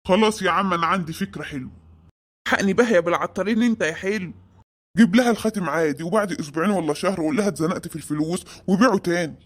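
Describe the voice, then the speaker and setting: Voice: mid-range voice, very fast, lightly acted. A performer voicing a crafty Egyptian male friend who hands out schemes in a conspiratorial tone. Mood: scheming.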